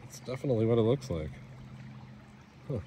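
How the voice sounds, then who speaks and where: A man's voice: mid-range voice, lively intonation, fairly quick, warm tone. A man vlogging outdoors on a river trip, thinking aloud in an unsure, musing way as he tries to identify rocks. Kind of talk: casual outdoor commentary. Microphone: action camera mounted on a kayak. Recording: running water noise outdoors.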